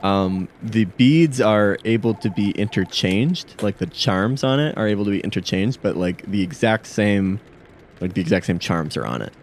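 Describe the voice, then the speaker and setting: A man's voice: lowish voice, animated, moderate pace, a little hiss or hum. A man narrating a tabletop game as game master, hesitant, with many fillers and restarts.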